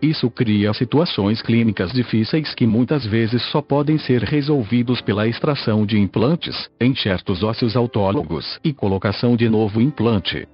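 A synthetic text-to-speech man's voice with a Brazilian accent, reading a scripted podcast narration in a mechanical, measured way. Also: medium pitch, highs cut off, faint music behind. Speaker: podcast host.

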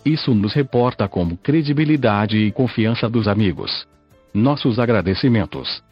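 A synthesized male text-to-speech voice with a Brazilian accent, reminiscent of an old speech synthesizer, narrates a scripted article as a podcast. It's lowish and expressive at a moderate pace, and the dull lo-fi audio carries faint music.

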